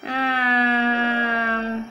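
A Brazilian woman streams a game from home, her fairly high voice drawling along unhurriedly. She is excitable and laughs often as she chatters to viewers and the game. The sound is roomy and echoey, with game music clearly playing behind her. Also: very slow, dull audio. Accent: Brazilian Portuguese. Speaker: livestreamer. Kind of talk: live gameplay commentary.

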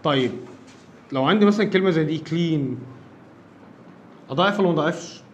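A man with an Egyptian Arabic accent teaches an English grammar lesson in a fairly high, fast voice, going step by step and often checking that his listeners are following. The audio sounds dull, with slight background noise.

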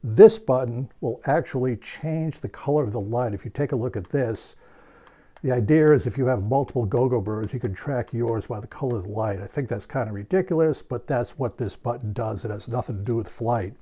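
Older guy showing off a gadget at his workbench, calm steady explaining, warm low-key tone. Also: fairly quick, breathy edge. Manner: steady explanatory talk, stressing key points. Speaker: hobby reviewer. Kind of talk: hands-on product tutorial. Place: home workshop, indoors.

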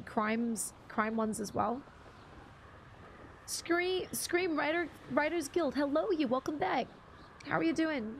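This half English, half Bruneian streamer has a gravelly voice on the high side, with a little hiss or hum behind it. She plays a game while chatting casually, welcoming viewers and reading chat aloud with frequent ums.

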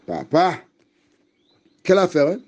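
A man's voice: high voice, unhurried, vocal fry, a little mellow. A man giving an evening devotional sermon, addressing the listener directly and exhorting them. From French Antilles. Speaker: preacher.

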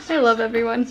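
High-voiced young mother vlogging at home. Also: dull audio, slight background noise. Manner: cooing baby talk to her infant. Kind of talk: casual home vlog. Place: home nursery.

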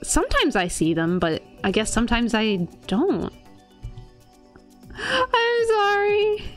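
An American woman from Florida chats casually on a gaming live stream, sounding playful and self-deprecating. Her voice is high-pitched and very animated, but she takes her time. Video game music plays in the background.

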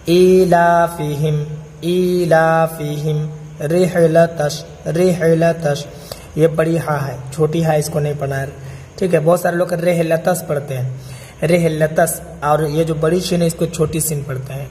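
A man's voice: fairly high pitch, fairly even intonation, a little mellow, long reverb tail, slight background noise. Man teaching Quran recitation, chanting and explaining. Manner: chants verses slowly, then explains quickly in Urdu with repeated "theek hai?".

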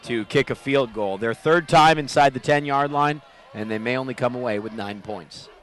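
A man calling a football game play by play, rising into excited calls on big plays. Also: medium pitch, normal speed. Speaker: play-by-play announcer. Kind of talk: live football commentary.

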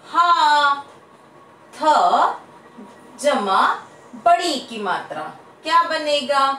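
Slow sing-song woman teacher, echoey room. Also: high-pitched, sing-song, pushed and bright, recorded from a distance, a little hiss or hum. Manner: drawn-out sing-song word drills, asks questions to pupils. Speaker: primary school teacher. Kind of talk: slow classroom lesson for children.

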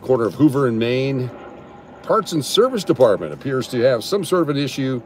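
A chipper mock TV reporter, as a man puts on his newscaster voice, delivering a formal on-the-scene report at an ordinary middle pitch. He is outdoors on a city street, with faint traffic noise behind him. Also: sing-song, a little fast, darkish tone, close to an everyday voice. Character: mock male TV news reporter, upbeat.

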